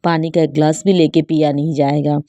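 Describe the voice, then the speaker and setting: A woman voicing a young daughter-in-law who dodges chores, read in a flat, even storybook manner. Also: low-pitched, brisk, no echo, natural voice.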